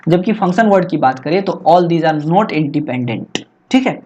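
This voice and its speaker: A man's voice: fairly high pitch, animated, unhurried, a little mellow. Chatty tutor man teaching to an audience. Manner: chatty, asks rhetorical questions. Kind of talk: Hindi-English exam lesson. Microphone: laptop recording.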